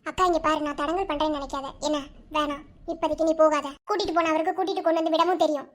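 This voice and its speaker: Performer putting on lower-voiced cartoon sibling, firm, calm, restraining. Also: racing, natural voice. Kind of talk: animated cartoon voice acting.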